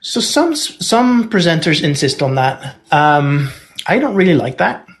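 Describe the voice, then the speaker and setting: In a casual conversational interview, a guest expert who grew up in Norway and speaks Dutch natively talks in English, candidly thinking out loud with wry asides. His voice is fairly high-pitched, very animated, and unhurried.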